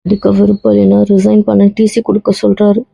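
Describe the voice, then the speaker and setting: Young actress as a subdued student; flat, gravelly, dark. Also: female voice, mid-range voice, fast, no room sound, poor audio. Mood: upset. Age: young adult. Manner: subdued, apologetic. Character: young female medical student. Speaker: actor. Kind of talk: web series drama acting.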